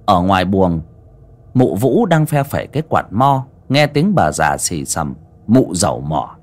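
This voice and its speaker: A man narrating a ghost story in an expressive storytelling way. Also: sits low, measured pace. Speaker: audiobook narrator.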